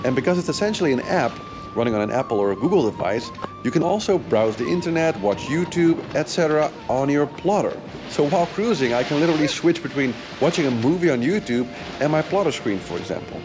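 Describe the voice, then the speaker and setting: A man in his thirties, a sailing vlogger and charter captain, talks fast in a slightly high, expressive voice. Outdoors on a sailboat, with music in the background, he gives an enthusiastic, casual product review full of fillers.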